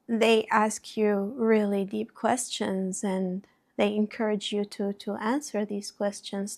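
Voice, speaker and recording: A woman vlogger slowly telling a personal story in reflective, heartfelt non-native English. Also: medium pitch, darkish tone.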